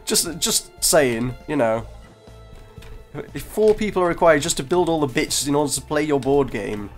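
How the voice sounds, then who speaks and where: This gaming video host sounds congested from a cold, his fairly high voice expressive and unhurried against soft background music. He keeps the commentary casual and self-deprecating, sometimes cutting himself off mid-sentence, recorded on a desk mic.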